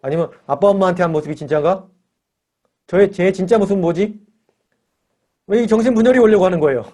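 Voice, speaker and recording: A man teaching a character-training lesson for children and parents at church, lively and acting out little dialogues with kids, speaking over a video call. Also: high-pitched, quick pace.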